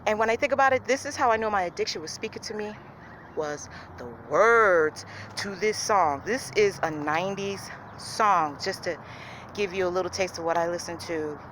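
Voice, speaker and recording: A woman's voice: mid-range voice, normal speed, poor audio. Woman, casual vlog talk, morning voice, earnest, traffic noise behind. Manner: earnest, confiding, drifts soft and quiet. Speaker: vlogger.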